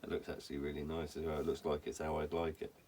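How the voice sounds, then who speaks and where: A man's voice: rumbling low, level tone, fast talker, darkish tone. A man chatting casually as a co-host, with a dry, offhand and informal way of talking. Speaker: whisky show co-host. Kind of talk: casual chat. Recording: clearly audible background noise with clicks.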